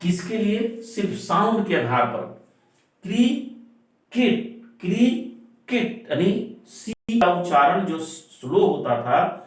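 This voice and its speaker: A male teacher explains step by step in a slightly raised voice, often repeating himself and drawing out key words. He asks his listeners questions and then answers them himself. The sound is heavily echoey and comes from well back from the microphone. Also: a little high. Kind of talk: classroom-style explanation. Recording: very echoey room, distant mic.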